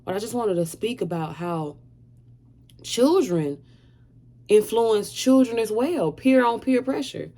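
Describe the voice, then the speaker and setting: A woman's voice: a little high, animated, slow, long pauses, mellow. A woman in her thirties speaking frankly and earnestly to camera about her own life, with frequent hesitant fillers. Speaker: vlogger sharing her story. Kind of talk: candid personal testimony to camera.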